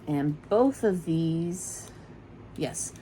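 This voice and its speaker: A middle-aged woman vlogger talks in an unhurried, chatty way, pausing and correcting herself as she rambles along. Her voice sits a little low for a woman, with a faint hiss of room noise behind her. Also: lively intonation, dark tone, rough recording. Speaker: cross-stitch vlogger. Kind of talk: casual show-and-tell chat.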